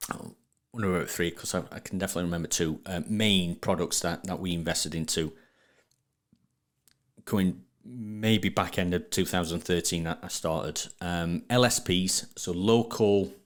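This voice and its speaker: Male podcast guest, deep voice, Sheffield accent, chatty and emphatic, informal northern phrasing. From Sheffield, England. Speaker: podcast guest, trade business marketing speaker. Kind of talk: casual interview talk.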